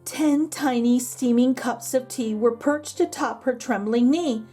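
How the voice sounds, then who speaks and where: High-pitched, expressive woman storyteller, slow pace. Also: husky, soft background music. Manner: measured rhyming delivery with gentle asides to children. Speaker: children's read-aloud storyteller. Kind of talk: expressive picture-book narration.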